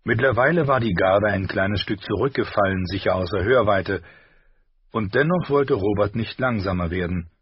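A man reading a fantasy audiobook with expressive storytelling. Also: on the low side, moderate pace, breathy edge, no echo, lo-fi sound. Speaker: audiobook narrator. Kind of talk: scripted fantasy audiobook narration.

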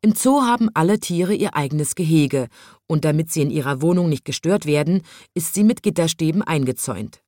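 A woman narrating a children's storybook in an even, measured reading voice. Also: low voice, no echo, studio quality.

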